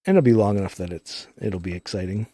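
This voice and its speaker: Male game streamer, casual chatty delivery, heavily compressed studio vocal, lowish dark tone with no room sound. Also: animated, quick pace, dry recording. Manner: chatty, rambling explanations with filler words. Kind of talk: casual live gameplay commentary. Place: recording studio. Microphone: two studio microphones.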